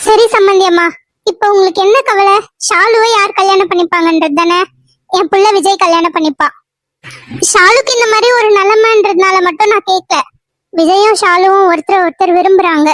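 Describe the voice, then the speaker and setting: Woman playing a calm, high-voiced cartoon mother-in-law with a dry close sound. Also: normal speed, dry recording. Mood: reassuring. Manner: soothing, persuasive. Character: calm, reassuring mother-in-law, middle-aged.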